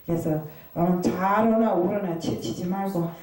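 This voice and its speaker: A woman's voice: lowish voice, fairly even intonation, measured pace, darkish tone. Woman pastor preaching, lots of uh's and rhetorical questions, super roomy echo. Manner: rhetorical questions, frequent hesitation fillers; confessional, self-critical. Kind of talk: sermon. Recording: very echoey room, far from the mic.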